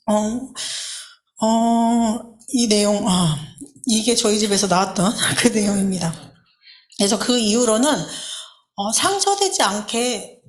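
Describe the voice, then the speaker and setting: Animated Korean woman telling a church story. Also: on the high side. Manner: animated storytelling, acting out quoted lines. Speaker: church teacher sharing a personal story. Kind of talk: church class talk.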